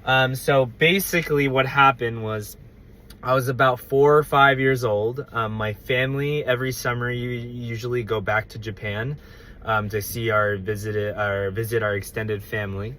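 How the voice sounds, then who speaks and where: A young man from the United States casually telling a story, animated and rambling, acting out quoted voices. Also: medium pitch, normal speed. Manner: rambling with fillers and restarts. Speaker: storyteller host.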